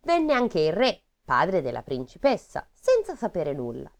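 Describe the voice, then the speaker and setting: A woman's voice: fairly low pitch, huge pitch swings, measured pace, vocal fry. A woman reading a fairy tale aloud in a casual comic chat, breaking off for sarcastic asides.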